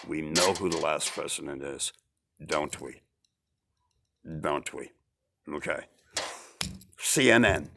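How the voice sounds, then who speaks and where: A man's voice: deep voice, vocal fry, fairly bright tone, slight background noise. A man talking in a rambling casual monologue, repeating himself and asking rhetorical questions. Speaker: vlogger.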